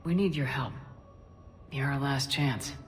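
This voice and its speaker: Calm, reassuring female commander, video game dialogue, low voice, long reverb, faint music behind. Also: measured pace. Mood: concerned. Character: composed female military commander, caring and steady.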